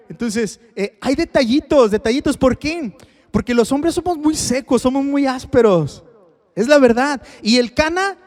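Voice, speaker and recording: A man's voice: very high-pitched, in a large hall. A male pastor with a Mexican accent preaching on marriage in a conversational way, often asking the congregation questions. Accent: Mexican Spanish. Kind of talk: sermon on marriage. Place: church hall.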